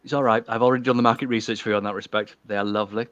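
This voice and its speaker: A man's voice: lowish voice, steady tone, very fast, fairly bright tone, no echo. A man co-hosting a casual podcast, reading a story aloud with wry asides, giggling and stumbling over words. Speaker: podcast co-host. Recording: dull, dry lo-fi call audio.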